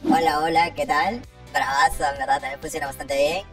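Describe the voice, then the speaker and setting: A man's voice: on the high side, steady tone, brisk, a bit bright, distant mic, soft background music, pitched above the performer's own voice. A man, a tech tutorial host, talking casually through a robot voice changer filter while demoing it live. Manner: chatty, testing the effect live. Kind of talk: casual software demo.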